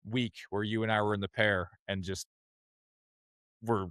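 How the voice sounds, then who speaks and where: A man's voice: fairly low pitch, flat delivery, dry recording. Podcast guest guy, mid voice, stops and restarts a lot, dry sound. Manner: halting, many restarts, warms up and gets emphatic. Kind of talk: casual chat.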